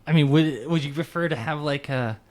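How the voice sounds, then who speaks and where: A man's voice: a little high, brisk, a little mellow. A man co-hosting a podcast in casual chat, talking in a rambling way with many restarts and repeated words. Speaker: podcast co-host.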